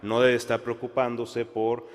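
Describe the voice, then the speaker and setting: A man speaking on a conference panel, measured, with fillers and restarts. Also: mid-range voice, completely flat delivery. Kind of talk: panel discussion. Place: conference hall. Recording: long hall reverb.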